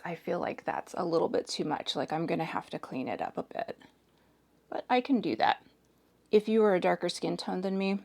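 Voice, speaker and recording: A hoarse woman in her forties chatting casually as she does her makeup, hedging with "like" and "sort of". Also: fairly low pitch, a little mellow. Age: 40s. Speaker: makeup reviewer. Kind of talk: casual chat while doing makeup.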